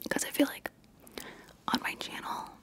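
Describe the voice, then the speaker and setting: A woman whispering breathy ASMR with tingly mouth sounds, rambling casually and playfully repeating words and short phrases. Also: normal speed. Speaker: ASMR video creator.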